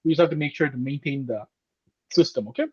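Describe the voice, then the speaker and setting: Muffled video call audio carries a computer course instructor's medium-pitched voice, which is fast and warm with a breathy edge. He teaches a live online class step by step through a laptop or headset mic, frequently asking "okay?" and "right?".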